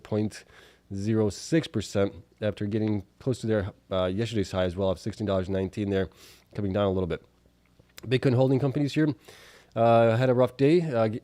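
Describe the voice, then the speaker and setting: A man with a fairly low, warm voice and no room sound hosts a stock market video show. He gives a casual recap, reading figures informally with offhand asides. Allergies slightly affect him, bringing coughs and sniffles.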